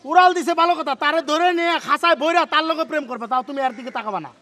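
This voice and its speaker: An actor playing a jealous, whining bachelor friend who talks in rustic colloquial speech, in a comic television drama. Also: male voice, extremely high pitch, racing, pushed and bright.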